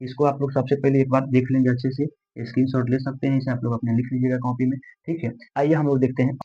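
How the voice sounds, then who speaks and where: A man teaching a grammar lesson, repeating key terms slowly and asking the class questions. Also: medium pitch, little pitch movement, breathy edge, highs cut off. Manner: repetitive, drills terms slowly.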